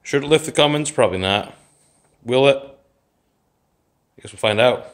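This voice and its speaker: A man with a mid-range, expressive voice talks at a measured pace as he films his garage and yard on his phone. It's a casual vlog walkthrough, partly outdoors, delivered in an offhand, rambling style with fillers.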